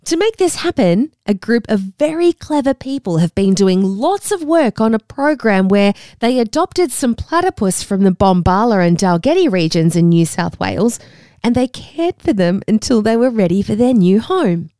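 A woman hosting a children's news podcast, reading a scripted story in a clear, friendly way meant for kids. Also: medium pitch, lively intonation, normal speed, dark tone, dry recording, studio quality.

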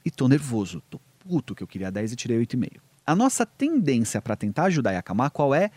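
Animated fast-talking man giving advice. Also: mid-range voice, no room sound. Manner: animated, acts out parent and child dialogues. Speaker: parenting advice guest. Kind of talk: conversational advice talk.

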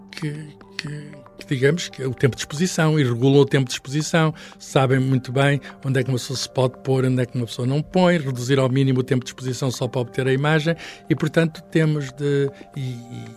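Older portuguese guy, science prof, chatty but halting, lots of uh and restarts, soft music in the back. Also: mid-range voice. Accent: European Portuguese. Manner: hesitant, many restarts and fillers, chuckles often. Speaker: science professor guest. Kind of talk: casual explanatory chat.

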